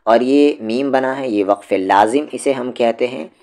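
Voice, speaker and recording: A man teaching Quranic pronunciation. He explains slowly and patiently, then says each word again to show how it should sound. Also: mid-range voice, darkish tone. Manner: slow, patient, repeats each word to demonstrate it. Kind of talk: tajweed lesson, explaining and demonstrating pronunciation.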